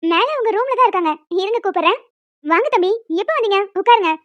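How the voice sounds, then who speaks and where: A woman voicing several emotional village women and a young daughter in a cartoon, fast and dramatic, scolding and tearful. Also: extremely high pitch, lively intonation, fairly bright tone, dry recording. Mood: coaxing. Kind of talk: cartoon voice acting. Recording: dull, dry lo-fi recording.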